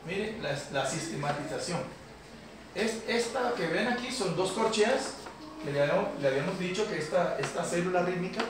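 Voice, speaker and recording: Here a Colombian piano instructor with a high voice patiently explains things to a beginner keyboard class and checks in with the students. It's recorded by a far-off camera in a community center classroom, with roomy echo, a noisy background, and keyboard playing.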